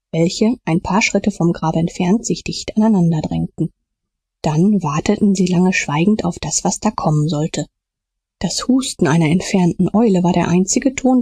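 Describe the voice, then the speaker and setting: A woman reading an audiobook as narrator in calm, measured storytelling. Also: fairly low pitch, husky, dry recording. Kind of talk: scripted narration.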